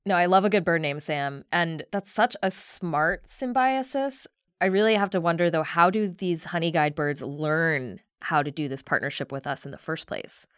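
A woman's voice: low-pitched, normal speed, clean tone, no echo, studio quality. A woman hosting a science podcast, introducing a guest and asking friendly, curious questions. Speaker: podcast host. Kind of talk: hosted interview.

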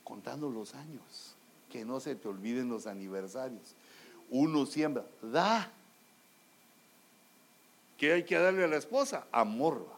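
A man's voice: medium pitch, expressive, measured pace, pauses often. A man preaching a humorous sermon, joking and acting out little scenes as he talks to the congregation. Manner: addresses the congregation as brothers.

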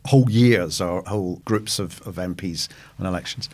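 Low-voiced man hosting a discussion. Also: normal speed, a little mellow. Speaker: panel host. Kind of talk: discussion moderating.

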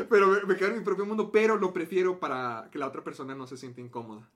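A man's voice: high voice, quick pace. A young man with a Mexican accent co-hosting a casual podcast, playful and teasing, laughing often. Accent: Mexican Spanish. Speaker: podcast co-host. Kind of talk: casual live-stream chat.

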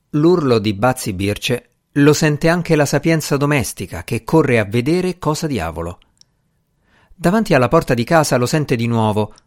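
A man narrating a novel chapter by chapter in a wry, measured storytelling manner. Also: fairly high pitch. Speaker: audiobook narrator. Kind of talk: scripted narration.

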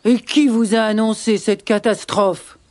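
A commanding lion, king of the storybook animals, asks his questions firmly, as a woman reads his lines. The delivery stays slow, in a mellow voice. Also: fairly high pitch, steady tone, dry recording. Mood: stern.

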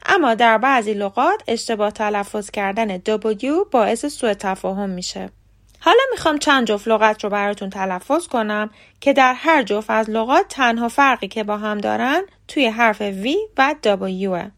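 An Iranian woman hosts a scripted podcast lesson on English pronunciation. Her mid-range voice has a fairly bright tone, and she speaks clearly and carefully, slowing down to spell out example words.

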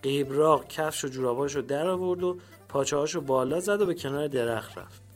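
Guy with a higher voice reading a memoir story, calm and measured, faint music behind. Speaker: narrator. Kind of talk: storytelling read-aloud of a literary memoir. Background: faint background music.

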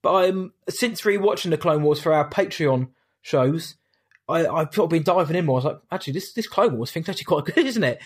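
Higher-voiced man, casual co-host. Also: expressive, a little fast, breathy edge. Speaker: podcast co-host. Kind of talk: casual podcast chat.

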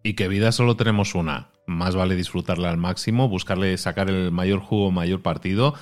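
Man, middle-aged, podcast host, low voice, animated, laughs often. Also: fairly quick, faint music behind. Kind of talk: casual podcast conversation.

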